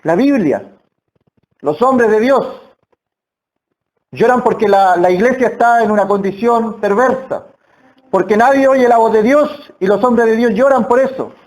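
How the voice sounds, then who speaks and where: A man delivers a sermon with a strikingly high-pitched voice. He preaches earnestly, stretching out key phrases and repeating words for emphasis, as a lay preacher in a church. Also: a little slow, long pauses. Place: church hall.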